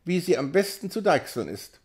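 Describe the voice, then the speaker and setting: A man's voice: fairly high pitch, big pitch swings, normal speed. A man reading an audiobook, voicing a brash, cynical young male patient with a nonchalant, mocking drawl. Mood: coolly mocking.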